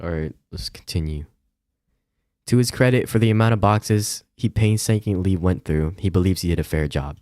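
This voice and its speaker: A man streams a visual novel, moving between casual chat and reading lines aloud, sometimes stumbling and commenting as he reads. His deep, slightly mellow voice runs at a moderate pace, recorded dry and clean in a studio.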